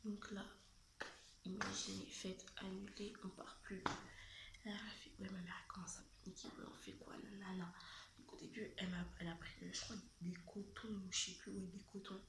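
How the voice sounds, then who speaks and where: A woman's voice: mid-range voice, flat delivery, normal speed, vocal fry, roomy sound. A woman telling a childhood story in casual, slangy chat, often dropping to a half-whisper.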